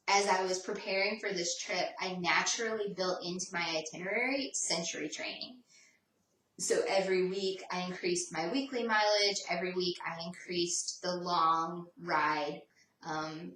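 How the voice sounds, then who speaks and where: A woman with a lowish voice answers viewer questions in a relaxed, chatty way, dropping plenty of "um"s as she thinks. She sounds a little distant from the mic, and her voice rings around a roomy, echoey space. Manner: relaxed, chatty, frequent "um" fillers. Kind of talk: casual Q&A chat.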